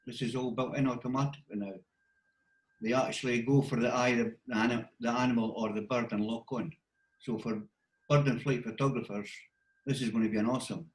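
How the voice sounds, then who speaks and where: A man's voice: medium pitch, echoey room, rough recording. A man with a Scottish accent, a wildlife photographer giving practical step-by-step advice in an interview over a video call. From Scotland. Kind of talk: casual explanatory interview talk.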